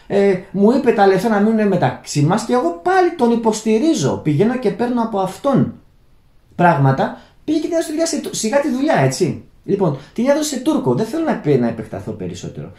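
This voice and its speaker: A man's voice: high voice, very animated, dark tone. Greek man ranting in echoey room. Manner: rambling, many restarts, addresses "friends". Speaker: channel host. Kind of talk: unscripted monologue to viewers. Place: Germany, indoor room.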